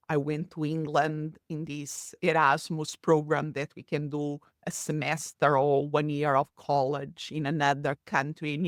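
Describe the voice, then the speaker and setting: Portuguese-accented woman, lowish voice. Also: dry recording, clean studio sound. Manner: earnest, slightly halting non-native phrasing. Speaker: podcast guest. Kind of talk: conversational storytelling.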